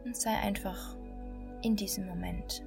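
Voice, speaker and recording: A woman leads a guided meditation like a slow hypnotist. She speaks calmly in a mid-pitched voice, leaving long, soothing pauses between short phrases. New-age music plays clearly behind her.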